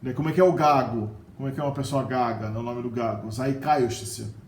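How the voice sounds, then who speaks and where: A middle-aged man with a Brazilian Portuguese accent teaches vocabulary in a casual video lesson, his mid-range voice steady and quick. He's chatty and keeps tacking a questioning "né?" onto his sentences. The room echoes a bit, with faint ambience and slight background noise.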